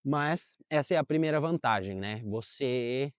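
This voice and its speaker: Chatty and self-correcting, a young adult Portuguese-speaking vlogger talks to camera in a park with lots of fillers. His medium-pitched voice is expressive and smooth, and he speaks a little slowly. The audio has no echo and a clean studio sound.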